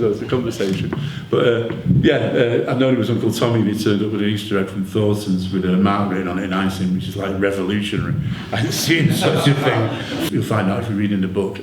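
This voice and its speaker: On stage at an indoor event hall, a middle-aged Manchester-born author and musician being interviewed at his book launch tells personal stories to the audience. His fairly low voice moves quickly with few pauses, candid, rambling and colloquial, full of "you know". The roomy live venue carries background noise, including a crowd.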